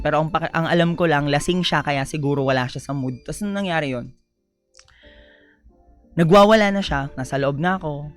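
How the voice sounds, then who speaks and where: Young man, radio guest, soft-spoken, polite, slightly high voice, mixes in English, faint music behind. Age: young adult. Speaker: guest telling his life story. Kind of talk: personal storytelling interview.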